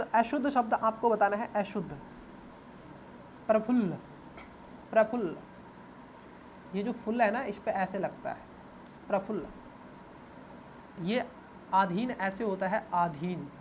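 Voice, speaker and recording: Repetitive coaching teacher drilling answers. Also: male voice, sits high, a little hiss or hum. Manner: repeats words and asks students rhetorical questions. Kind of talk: exam paper answer walkthrough.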